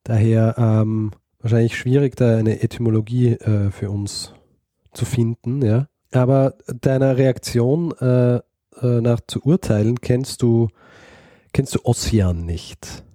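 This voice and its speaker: A man with a dark, mellow voice recounts a history story on a podcast. He talks casually, pausing often and restarting his sentences. The sound is dry and close. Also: medium pitch, no room sound. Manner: hesitant, many fillers and restarts, laughs easily. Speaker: podcast co-host.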